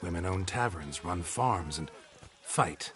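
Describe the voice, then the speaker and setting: A man voicing a gruff, weary male monster hunter who speaks in a dry, terse, deadpan way. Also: low voice, slow pace. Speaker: game protagonist.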